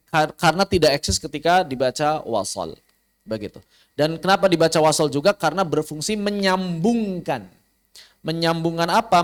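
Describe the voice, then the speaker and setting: A man with an Indonesian accent teaches an online recitation class in a slightly high voice. He asks and answers his own questions and slows down to spell out Arabic words.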